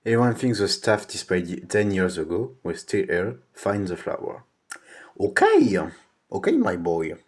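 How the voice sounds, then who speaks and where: A young man with a French accent giving playful, excitable commentary while playing a horror game. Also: lowish voice, measured pace. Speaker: gaming youtuber. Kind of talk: casual horror game let's play commentary.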